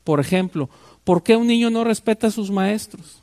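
A man's voice: high voice, moderate pace, darkish tone, no room sound. An older man, preaching a sermon and putting rhetorical questions to his congregation. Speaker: pastor.

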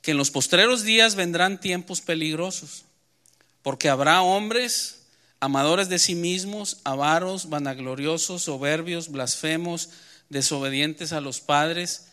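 Bright-voiced preacher giving a sermon. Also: male voice, on the high side, measured pace. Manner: expressive, shifts between quiet reading and emphatic rises.

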